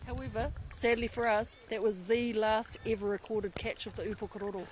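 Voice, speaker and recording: A woman's voice: fairly high pitch, fairly even intonation, fairly quick. A woman with a New Zealand accent giving an unscripted explanation outdoors as an interviewee. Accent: New Zealand English. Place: outdoors by a river. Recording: noisy outdoor riverside with clicks.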